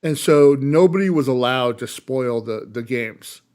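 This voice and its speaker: A man's voice: medium pitch, a little mellow, clean tone. A man co-hosting a podcast, telling stories in casual chat with frequent fillers and restarts. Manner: storytelling, halting with fillers. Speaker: podcast co-host.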